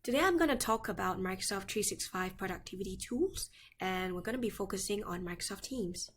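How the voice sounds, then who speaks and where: A woman presenting a software tutorial, her voice a little off as it recovers, explaining steps and often checking in with "right?". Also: medium pitch, animated, brisk, slight background noise. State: voice recovering from loss, slightly off. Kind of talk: screen-share software tutorial.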